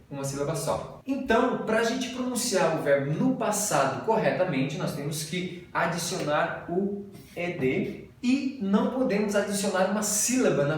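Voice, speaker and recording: A man's voice: high-pitched, distant mic. A Brazilian man with a Brazilian Portuguese accent, an English teacher giving a video lesson and patiently drilling pronunciation. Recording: very echoey room, voice off-mic.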